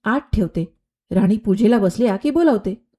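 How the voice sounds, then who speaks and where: A woman voicing a nervous young palace maid who speaks briskly and coaxes in a storybook tale. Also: mid-range voice, animated, mellow, lightly acted. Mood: coaxing.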